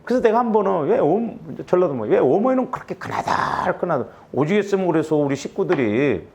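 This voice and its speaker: Middle-aged male pastor, homespun anecdotal sermon delivery, slightly high pitch. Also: very animated, brisk, darkish tone. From Jeolla, Korea. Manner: folksy storytelling with asides and rhetorical questions. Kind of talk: conversational sermon.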